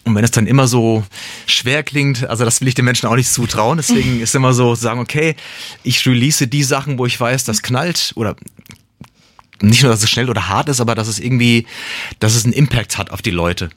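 A singer-songwriter who is a native German speaker talks about his music in a casual interview, reflective and fairly quick, with many restarts and the occasional laugh. His voice is medium-pitched and a bit bright, with no room sound.

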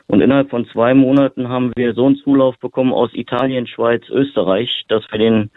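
A boxing therapist and lecturer from Berlin, Germany, explains things casually as an interview guest, speaking in loose, run-on sentences full of fillers. His medium-pitched voice is steady and brisk with no echo, over tinny phone-line audio.

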